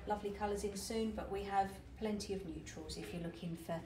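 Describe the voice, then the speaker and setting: A woman showing customers around her small shop, chatty and relaxed with plenty of ums. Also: medium pitch, a little fast. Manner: chatty and relaxed, many fillers like um and uh. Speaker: shop owner giving a tour. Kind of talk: casual walk-through shop tour. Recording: echoey shop room with clear background noise.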